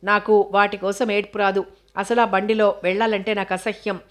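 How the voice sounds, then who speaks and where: A woman's voice: medium pitch, little pitch movement, normal speed, close to an everyday voice. Woman reading as a hurt, defiant little girl. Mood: plaintive. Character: frightened ten-year-old girl, hurt but defiant.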